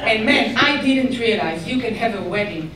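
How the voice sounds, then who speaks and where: A woman from Israel with an Israeli accent doing a stand-up comedy set, deadpan and ironic with bursts of mock outrage. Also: on the high side, moderate pace, a crowd in the background. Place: comedy club stage. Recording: echoey club, mic far away, audience noise. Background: audience laughter.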